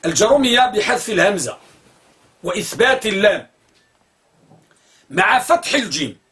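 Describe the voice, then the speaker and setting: A man teaching a grammar class with a high, bright voice. He explains at length and repeats words slowly to spell out each vowel. He pauses to put questions to his listeners. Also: big pitch swings. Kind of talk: classroom lecture on pronunciation.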